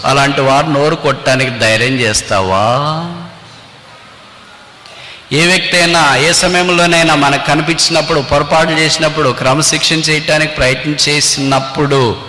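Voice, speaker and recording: A man's voice: a little high, pushed and bright. A man preaching a sermon, exhorting with rhetorical questions and quoting scripture, with English phrases mixed in. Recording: echoey hall.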